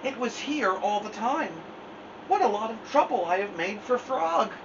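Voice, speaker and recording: A fussy, whiny toad, put on by a man reading a storybook aloud, pitched well above the reader's own voice and swinging up and down as he complains. The sound is dull and lo-fi, picked up from some way off the mic, with an air conditioner humming clearly behind it. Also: animated, measured pace, recorded from a distance, background noise, exaggerated voice. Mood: sheepish. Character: fussy, easily upset male toad.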